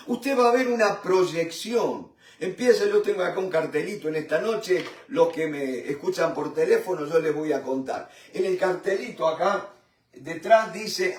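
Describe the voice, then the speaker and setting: High-pitched preacher guy, fervent bible study, echoey room heard from far off. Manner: fervent, repeats "mi hermano" and "¿no es cierto?"; halting with restarts, swells and drops in loudness. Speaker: Bible teacher. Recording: roomy echo from a distant mic.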